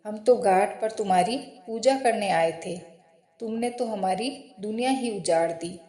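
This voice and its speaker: A woman voicing a kind, devout old mother-in-law in a spoken storybook tale, gently pleading. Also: medium pitch, measured pace, lightly acted. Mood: grieving. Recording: roomy echo.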